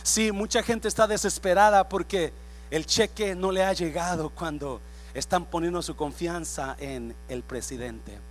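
A male pastor preaching a sermon, dropping to a hush and then rising to shouts, mixing in English phrases. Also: sits high, unhurried. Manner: swings from hushed to shouting, mixes in English phrases.

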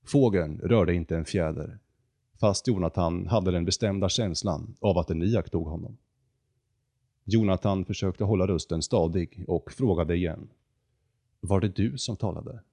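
A man narrating a storybook in a calm, measured reading voice. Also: low-pitched, husky, no room sound.

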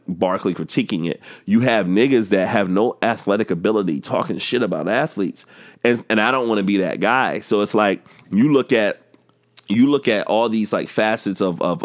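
This is an American man with a fairly low voice in casual podcast debate. He talks in an animated, emphatic way, circling back on phrases to push his point and swearing as he goes. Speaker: podcast co-host.

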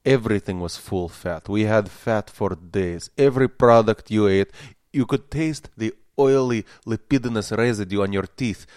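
A man's voice: on the low side, moderate pace, hardly any pauses, darkish tone, no room sound, studio quality, close to an everyday voice. A man playing a pompous, fanatical Russian sour cream promoter with a heavy Russian accent and a solemn, faintly menacing manner, as a guest in a comedy interview. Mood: earnest, proud.

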